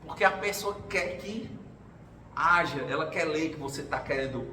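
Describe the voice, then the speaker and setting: A man's voice: a little high, normal speed, pushed and bright. A man giving an informal talk at a spiritual gathering, telling stories from his life and acting out the voices of others. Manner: conversational storytelling, acts out quoted voices. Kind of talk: informal talk sharing personal experience. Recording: roomy hall, distant mic, faint noise.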